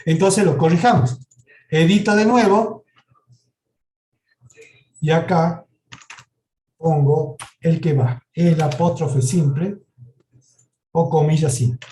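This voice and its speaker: A man's voice: on the high side, slow pace, long pauses, dark tone. Man lecturing, roomy echo. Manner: step-by-step, often checks in with "¿sí?". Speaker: university programming teacher. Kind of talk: live lecture with software demo. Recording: echoey classroom recording.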